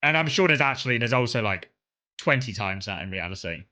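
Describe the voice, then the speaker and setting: A man with a soft southern English accent and a bright, forward voice at an average pitch. He chats casually like a streamer, rambling conversationally through anecdotes. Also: expressive, a little fast. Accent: southern English, mild. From Kent, south-east England. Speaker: streamer chatting with viewers.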